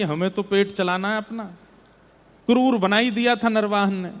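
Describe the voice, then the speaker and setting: A man telling a devotional story in a sermon, emotive, his voice swelling louder on devotional lines. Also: sits high. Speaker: Bhagavat storyteller. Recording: long hall reverb.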